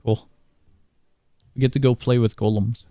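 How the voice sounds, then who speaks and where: A man's voice: mid-range voice, flat delivery, a little slow, warm tone, dry recording, faint music behind. A man streaming a game, chatting casually, reading game dialogue aloud and chuckling often. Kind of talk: casual gameplay commentary.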